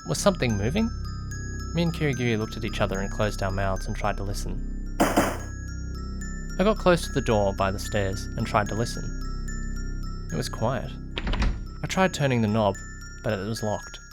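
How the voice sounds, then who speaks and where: A man with a fairly low, sing-song voice speaks at a moderate pace with long pauses, music playing under him. He plays a curious, jittery young companion to a detective, narrating a mystery audio drama in first person with suspense and questioning asides. It's amateur work, and the mood is suspenseful and curious.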